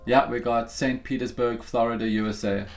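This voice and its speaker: A man's voice: mid-range voice, steady tone, moderate pace, vocal fry, faint music behind. Chatty man hosting a stream. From South Africa. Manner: upbeat and chatty, talks straight to viewers, calls them guys and bro. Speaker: livestream trading host. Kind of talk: casual live-stream chat.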